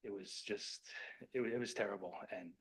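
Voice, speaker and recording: A man who is a police lieutenant, addressing a village board meeting, choked up and halting, apologizing and repeating words as he explains. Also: on the low side, rough recording. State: choked up with emotion. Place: municipal meeting room.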